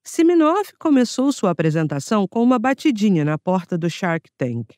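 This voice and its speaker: Animated Brazilian woman narrating an audiobook. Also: mid-range voice, no room sound, clean studio sound. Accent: Brazilian Portuguese. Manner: clear, measured nonfiction reading. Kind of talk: scripted narration.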